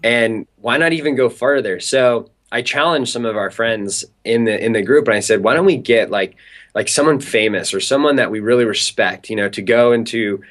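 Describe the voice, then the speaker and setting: A man's voice: mid-range voice, normal speed, a bit bright. Young man telling a story. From Southern California. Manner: chatty, peppered with "like" fillers. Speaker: interview guest. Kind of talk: animated storytelling in an interview.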